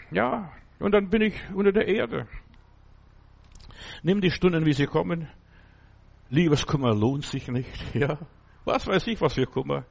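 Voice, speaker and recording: A man's voice: a little high, vocal fry. A middle-aged man preaching a sermon in a folksy, rambling way, often asking his listeners whether they understand.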